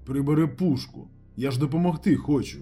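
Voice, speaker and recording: A man voicing a calm, injured man who talks slowly and deliberately. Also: on the high side, husky, faint music behind. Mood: quietly insistent. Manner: slow and deliberate. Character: calm injured man, threatening when pushed.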